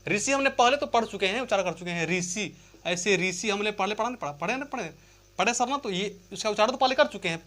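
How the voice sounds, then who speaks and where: This is a Hindi grammar teacher working through a chart for exam students. The voice sits at a middle pitch and keeps circling back, posing a question and answering it right away. It calls the listeners friends and draws out vowels slowly to show how they sound. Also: a bit bright. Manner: repetitive, asks and answers own questions, addresses listeners as friends; stretches out vowel sounds to demonstrate them. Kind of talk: exam-prep lesson explaining a chart.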